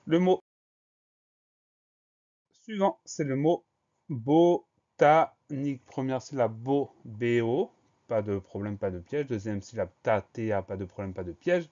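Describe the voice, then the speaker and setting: A man teaching a spelling lesson, slow and careful, breaking words into syllables and spelling them letter by letter. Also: on the low side, animated, mellow, dull audio.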